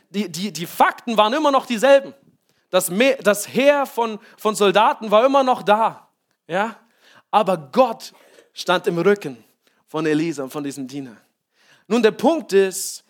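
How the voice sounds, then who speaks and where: A male pastor preaching a sermon, emphatic, often checking in with his congregation. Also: high-pitched.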